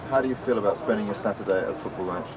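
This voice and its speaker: A man's voice: fairly low pitch, very fast, crowd noise, poor audio. A man working as a reporter, narrating a documentary and asking interview questions. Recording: clear outdoor traffic noise.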